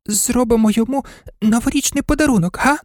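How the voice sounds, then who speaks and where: A man's voice: very high-pitched, a little fast, no room sound, clean studio sound, pitched above the performer's own voice. A man voicing a shy little male rag toy dog in a storybook reading, speaking in a hesitant, raised voice. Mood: hopeful.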